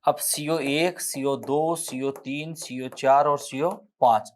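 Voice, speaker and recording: A man's voice: medium pitch, steady tone, slow, a little mellow. A man with a Rajasthani accent teaching an exam-prep chemistry lecture, explaining step by step, counting aloud and correcting himself as he writes on the board.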